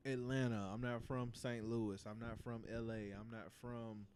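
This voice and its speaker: With a medium-pitched, darkish voice and a flat delivery at normal speed, a Southern livestream talk show host from South Carolina, United States, runs a casual podcast discussion. He uses slang, swears freely, and drives the talk with questions. There's slight background noise.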